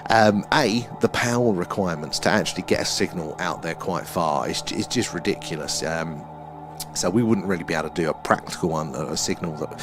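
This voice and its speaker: A man with an Essex accent hosting a live stream, explaining and chatting to viewers in a rambling, conversational way. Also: deep voice.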